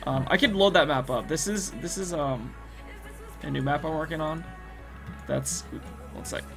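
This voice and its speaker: Gravelly man chatting over music. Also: fairly high pitch, moderate pace. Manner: rambling, laughs often, thinks aloud while working. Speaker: streamer. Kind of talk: casual stream chat. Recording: music playing behind.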